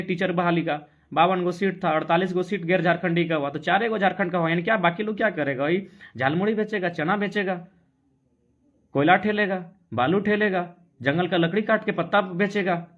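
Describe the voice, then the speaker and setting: Answering comments during a live-stream political talk, an impassioned activist from Jharkhand, India, argues insistently and piles on rhetorical questions. He speaks with a Jharkhandi Hindi accent at a fairly high pitch. The recording has a dull, lo-fi sound.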